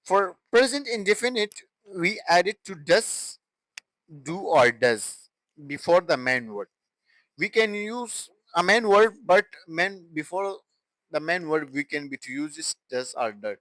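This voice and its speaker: Slow, deliberate male English teacher. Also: high voice, expressive, fairly bright tone, no room sound, poor audio. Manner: slow, deliberate explaining with repeated example sentences. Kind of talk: grammar lesson.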